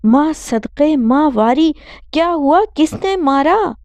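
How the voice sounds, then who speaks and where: Woman voicing a shrill, cursing doting mother. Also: smooth, no echo, lightly acted. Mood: shrill, outraged. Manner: wailing, cursing, sharp-tongued.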